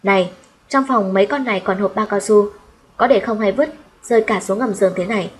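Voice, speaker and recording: A nosy middle-aged cleaning woman who calls out loudly and speaks coarsely, as a woman narrator reads her lines. It is an audiobook, with plain storybook delivery. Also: medium pitch, a little fast, slight background noise, close to an everyday voice. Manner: loud, coarse.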